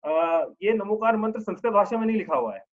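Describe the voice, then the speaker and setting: With lively intonation and a high-pitched voice, a male religious teacher leads a patient, step-by-step lesson while often checking in with his audience. He chants verses slowly in a drawn-out tune, and the sound is lo-fi.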